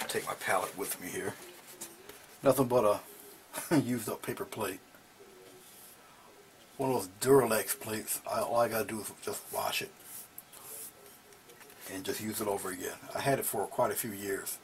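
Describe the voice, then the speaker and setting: A middle-aged painting instructor talks casually at a moderate pace in his small home studio, leaving long pauses. Relaxed, he chats while painting and often drops to a low murmur over the brushwork.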